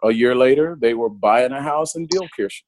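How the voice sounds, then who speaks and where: A man's voice: mid-range voice, moderate pace, darkish tone, a little hiss or hum, rough recording. A man telling stories bluntly in a casual chat, swearing and saying "dude". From United States.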